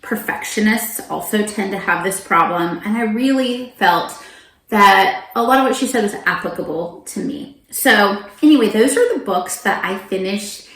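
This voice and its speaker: A book vlogger in middle age speaks to camera in an expressive, mid-range voice that's a bit bright, at normal speed, in an echoey room. She chats casually and animatedly and keeps interrupting herself with informal asides.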